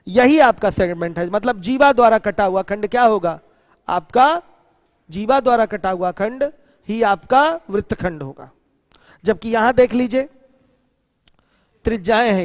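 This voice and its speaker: Guy teaching geometry online, high voice, keeps asking "got it?", dry close sound but a long hall tail. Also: darkish tone. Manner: asks students questions often and answers them himself; mixes English terms into the explanation. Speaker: math teacher.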